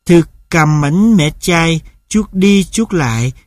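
A man reading a novel aloud as narrator, in a steady, measured way. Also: on the high side, no echo, studio quality.

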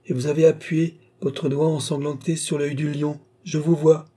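Man reading an entranced girl seer, halting little phrases, mellow husky voice. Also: fairly high pitch, little pitch movement, natural voice. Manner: halting, visionary description in short phrases. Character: entranced young woman seer, wide-eyed and fearful. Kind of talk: audiobook reading.

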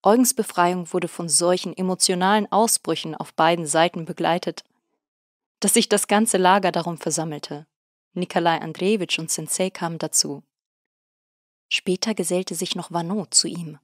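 A woman reads a story aloud in a steady, measured way, her voice on the low side. The recording is dry and close, with no room sound. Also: dry recording. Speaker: narrator. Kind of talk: audiobook narration.

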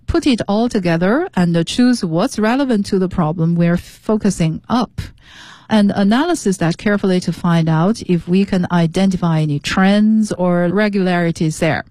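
A woman's voice: fairly low pitch, warm tone, dry recording. A woman teaching English on a radio lesson, explaining patiently and spelling words out. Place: radio studio.

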